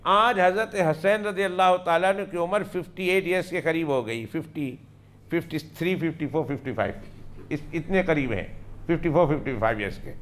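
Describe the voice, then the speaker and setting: A man's voice: sits high, a bit bright. A man, a religious scholar, giving a weekly religious lesson. He tells the story emphatically, repeats key phrases and acts out the quoted dialogue.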